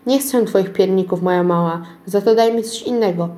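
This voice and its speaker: A woman voicing a sly, greedy witchlike woman in a storybook reading, speaking in a low, hushed hiss. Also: normal speed, close to an everyday voice.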